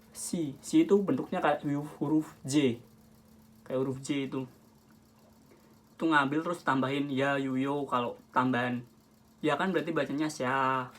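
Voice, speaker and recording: A man with a slightly high voice talks through Japanese script in a loose, home-made lesson. He often backtracks and repeats himself to find the right word. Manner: informal, rambling, with frequent restarts and self-corrections. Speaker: Japanese language tutor.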